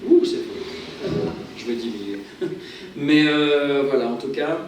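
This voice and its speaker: A French pastor and guitarist speaks casually to a church gathering in a very echoey hall, far from the mic, with loud music behind him. His voice is on the high side, expressive and slow. Introducing the music, he is chatty and self-deprecating, with many hesitations.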